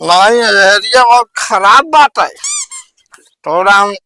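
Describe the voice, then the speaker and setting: A man's voice: sits high, takes it slowly, sharp tone, clean tone, exaggerated voice. A man with an Awadhi accent playing a boastful, quarrelsome village drunk in a comedy sketch, slurring and rambling. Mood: cajoling. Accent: Awadhi, eastern Uttar Pradesh.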